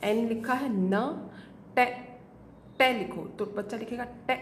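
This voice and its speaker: Slow, careful woman teaching phonics. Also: on the high side. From India. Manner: slow, sounding out words letter by letter. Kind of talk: phonics lesson for parents. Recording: echoey room, faint noise.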